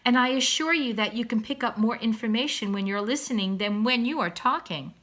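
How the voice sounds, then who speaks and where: A woman reads a children's story aloud, taking on the part of a long-winded, kind and encouraging father swan who holds forth formally and emphatically. Her voice is a little high, raised above her natural pitch, fairly bright in tone, and brisk. She sounds earnest, almost lecturing.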